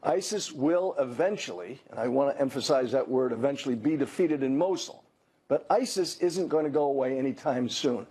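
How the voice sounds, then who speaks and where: A man's voice: mid-range voice, moderate pace, mellow, breathy edge, rough recording. An older man giving blunt, emphatic commentary as a guest on a news interview, often restarting his words. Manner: blunt, emphatic, self-correcting.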